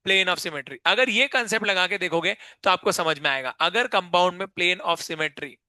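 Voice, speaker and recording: A man's voice: sits high, brisk, pushed and bright, no echo. A male chemistry teacher giving a live class lecture, keeps quizzing students and repeating key terms back as questions.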